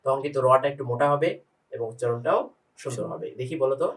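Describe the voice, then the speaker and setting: A man's voice: medium pitch, fast, far from the mic, low-quality recording. A man teaching Quran pronunciation one-on-one, patiently demonstrating single sounds and quizzing his student.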